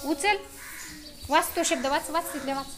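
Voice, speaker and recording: High-voiced teacher urging young pupils on. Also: female voice. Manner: brisk, directive, repeatedly praising and urging pupils. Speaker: primary school teacher. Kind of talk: classroom reading game instruction. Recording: noisy outdoor recording.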